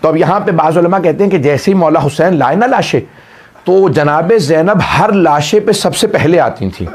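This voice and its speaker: Speaking with passion, a man delivers an emotional sermon, recounting a story of mourning and repeatedly addressing his listeners as brother. His voice is fairly high and expressive, moving at a moderate pace.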